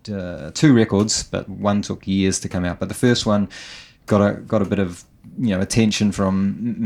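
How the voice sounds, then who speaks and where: Gravelly low New Zealand man. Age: middle-aged. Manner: relaxed, self-deprecating, laughs often, many restarts. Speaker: guest guitarist. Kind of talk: casual interview chat.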